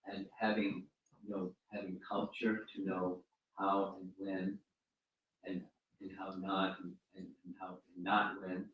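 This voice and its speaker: A man, a spiritual teacher, giving an informal religious talk and answering questions. He speaks haltingly and often repeats and restarts his words. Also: low voice, slight background noise. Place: room at a home gathering. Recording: roomy, distant, dull recording.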